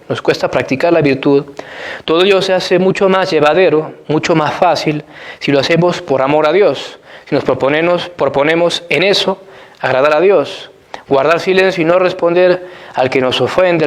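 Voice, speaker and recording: A priest preaching a Sunday sermon in Spanish-language Mass, explaining scripture in a measured, repetitive teaching manner. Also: male voice, fairly high pitch.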